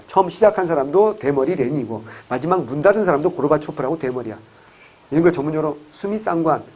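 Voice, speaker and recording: A man teaching a history class for exam students, joking and firing quick questions at the class. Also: a little high, darkish tone, breathy edge, lo-fi sound. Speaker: civil service exam history lecturer. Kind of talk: classroom lecture.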